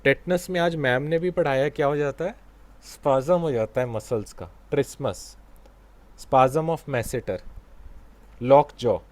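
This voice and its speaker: A man's voice: mid-range voice, takes it slowly, no room sound. A man teaching an online exam-prep class with an Indian English accent, mixing Hindi and English and quizzing his students. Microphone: video call.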